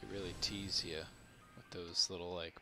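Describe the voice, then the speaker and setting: A man's voice: low voice, level tone, moderate pace, music in the background. A man giving casual, wry running commentary while streaming a video game, reacting aloud to each result.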